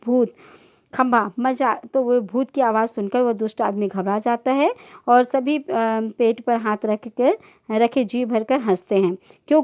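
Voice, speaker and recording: A woman's voice: a little high, darkish tone. A woman teacher reading a children's play aloud to a class, voicing each character's lines in turn. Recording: dull lo-fi recording.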